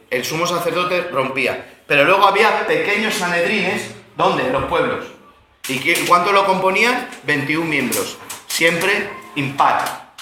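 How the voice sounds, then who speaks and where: A man's voice: fairly high pitch, pushed and bright, a little hiss or hum. A male pastor giving a Bible study lesson, explaining words and quizzing his listeners. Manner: explanatory, asks the audience questions. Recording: very echoey room.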